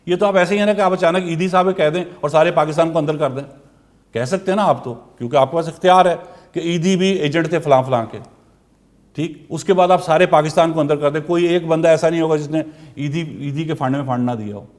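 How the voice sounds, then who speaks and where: A man's voice: fairly high pitch, darkish tone. A man, delivering a political commentary monologue, firing pointed rhetorical questions.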